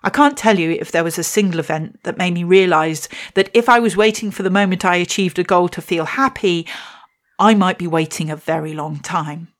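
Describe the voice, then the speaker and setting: With a voice on the low side and a brisk pace, the podcast host and poet shares a reflective story from her own life, then reads her poem, her humour wry and self-deprecating.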